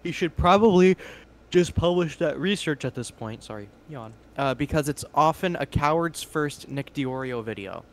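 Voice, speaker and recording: Crude, excitable young man streaming. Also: a little high, moderate pace. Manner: crude, excitable, cuts in with loud outbursts. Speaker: stream host. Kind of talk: casual stream commentary, reading a statement aloud.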